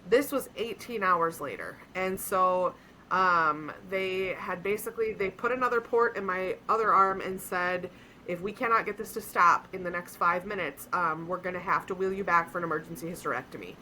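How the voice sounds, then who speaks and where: A young adult woman on a podcast, earnestly telling a personal story in a casual, animated way with frequent fillers. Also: on the low side, moderate pace, a little hiss or hum, low-quality recording. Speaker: podcast co-host.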